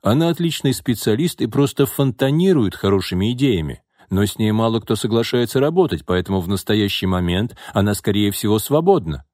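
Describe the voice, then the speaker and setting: A man's voice: fairly low pitch, lively intonation, darkish tone, dry recording, studio quality, close to an everyday voice. A man playing a genial middle-aged businessman. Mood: good-natured. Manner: good-natured, measured.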